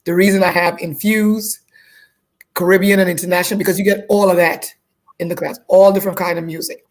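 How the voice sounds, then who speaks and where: A woman from Guyana talks about her fitness classes in a casual interview over a video call. Her voice sits a little low and she stays upbeat, often circling back to restate what she just said. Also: steady tone, fairly quick. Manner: upbeat, repeats herself while explaining. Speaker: fitness instructor, guest.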